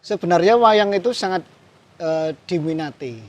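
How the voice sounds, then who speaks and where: A guest puppeteer from Central Java, Indonesia, speaks with a high voice at a moderate pace and a Javanese accent. In a casual interview chat, he stays relaxed, switches between Javanese and Indonesian, and chuckles often.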